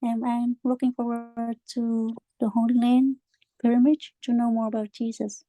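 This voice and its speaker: A woman speaks slowly and carefully on a video call, naming herself. Her voice is high and level, mellow in tone, with a dry sound. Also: little pitch movement, no room sound, soft background music, low-quality recording. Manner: slow, careful. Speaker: tour participant.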